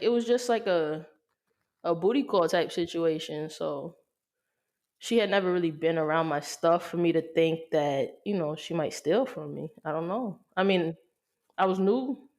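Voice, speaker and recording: A low-pitched woman on a podcast recounting a story in a loose, laid-back way. She swears freely and acts out what others said to her. The talk is casual chat between friends. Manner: laid-back, profane, acts out quoted lines. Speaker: podcast co-host.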